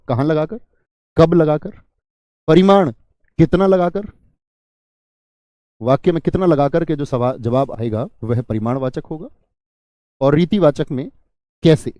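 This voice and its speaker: A man's voice: on the high side, a little slow, long pauses, warm tone, no echo, clean studio sound. A man teaching Hindi grammar in an online class, asking students questions, answering them himself and repeating key words.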